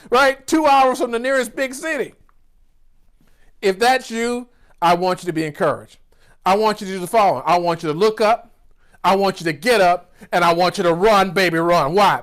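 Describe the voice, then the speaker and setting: With a Georgia drawl, a fifties-aged keynote speaker and business coach gives a rousing, sermon-style motivational talk, whooping and ending line after line with "right?". He has a high-sitting, fairly bright voice.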